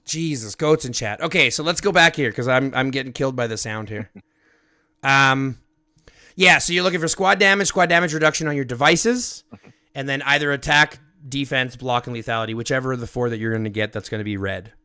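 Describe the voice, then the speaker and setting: A man's voice: mid-range voice, brisk, bright, forceful tone, smooth, no echo. A man hosting a livestream, coaching a player on game stats in an emphatic, profane, step-by-step way. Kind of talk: casual livestream chat.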